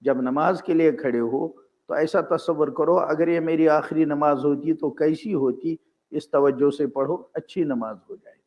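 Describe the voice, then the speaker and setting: A man's voice: a little high, steady tone, moderate pace. Older man preaching in a mosque, muffled. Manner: earnest, explanatory, weaving Arabic recitations into Hindustani teaching. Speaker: Islamic scholar and preacher. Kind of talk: sermon. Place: mosque gathering. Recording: dull, muffled lo-fi recording.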